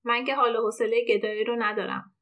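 A soft-hearted village man speaks gently and plainly, read by a woman in an audio story. The voice is rather high. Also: flat delivery, lightly acted.

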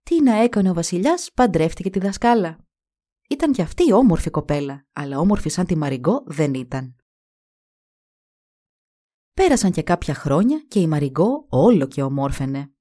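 A woman with a slightly low voice narrating a folk fairy tale. She reads in a steady, expressive storytelling manner and gives each character a voice of its own.

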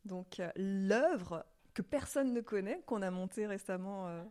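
A woman from Alsace chatting as a guest in a relaxed interview, telling her story at an easy conversational pace. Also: mid-range voice, a little slow. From Alsace, France. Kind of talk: casual interview chat.

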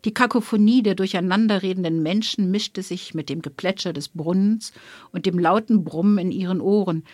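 A woman author reading her own crime novel aloud with lively, expressive narration. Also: on the low side, husky, no echo. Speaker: author and guest.

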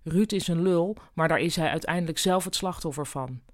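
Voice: medium pitch, a little fast, dry recording, clean studio sound, lightly acted. Narrator doing a flustered young office woman. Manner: flustered, then sharp. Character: defensive young woman colleague.

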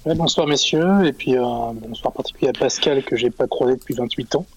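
A husky man in his forties speaks as a caller on a live call-in show. He talks haltingly, stopping and restarting often, with a breathy, slightly rough tone. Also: mid-range voice, poor audio. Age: 40s. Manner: hesitant, halting, frequent fillers. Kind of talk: radio call-in chat.

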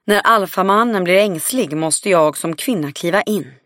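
A woman's voice: fairly low pitch, animated, no room sound, clean studio sound. A woman narrator voicing a blunt, confident woman friend in an audiobook, outspoken and swearing freely. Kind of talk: audiobook dialogue reading.

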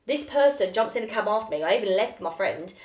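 A woman's voice: mid-range voice, fast talker. A young woman co-hosting a podcast, telling stories with lots of swearing and acted-out quotes. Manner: animated storyteller, acts out quotes, swears freely. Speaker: podcast co-host. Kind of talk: casual chat. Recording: roomy echo.

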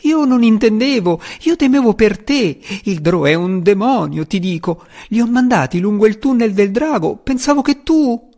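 A man reading an audiobook, voicing a small, fawning male sprite servant who pleads and babbles in a squeaky voice. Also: expressive, normal speed, few pauses, a little mellow. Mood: pleading. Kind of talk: audiobook character voice.

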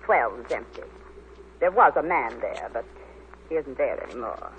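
A woman's voice: a bass voice, big pitch swings, measured pace, heavily acted. A woman playing a very old, sly and menacing innkeeper who taunts and commands, in old-time radio drama style. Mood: brisk, insistent. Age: older. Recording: scratchy, tinny old radio recording.

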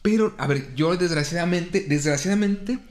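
A man's voice: fairly high pitch, normal speed, darkish tone. A man, co-hosting a podcast in casual chat, often correcting and explaining. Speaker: podcast co-host.

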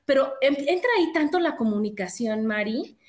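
High-voiced woman in echoey room. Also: normal speed. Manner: animated, talks through everyday examples. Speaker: co-host. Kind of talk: casual chat.

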